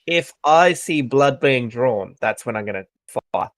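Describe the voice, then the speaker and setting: A man's voice: mid-range voice, lively intonation, a little slow, no room sound. Matter-of-fact man in a tabletop game. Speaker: player. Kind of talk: tabletop game play, describing his character's actions.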